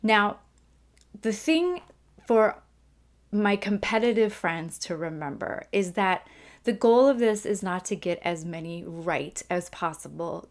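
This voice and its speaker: A woman leading a calm grounding exercise in a casual, conversational instructional way, gently thinking aloud. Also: medium pitch. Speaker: instructor demonstrating a grounding technique.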